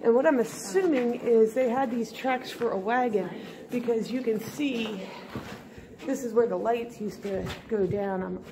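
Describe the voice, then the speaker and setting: A woman's voice: on the high side, measured pace, a crowd in the background. A woman vlogger narrating casually while exploring an abandoned tunnel, talking straight to viewers. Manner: chatty, addresses viewers directly. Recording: echoey tunnel, noisy camera audio.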